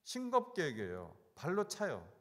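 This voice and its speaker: Korean man preaching a lively sermon. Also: on the high side, unhurried, in a large hall. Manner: asks the congregation questions and repeats key words. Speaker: pastor. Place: church sanctuary.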